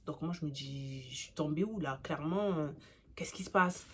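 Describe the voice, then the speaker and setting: A woman casually telling a personal story for her vlog, animated and slangy, full of fillers, getting louder and more intense as the tale heats up. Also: low-pitched, moderate pace, slight background noise. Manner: gets louder and more intense while recounting the fight.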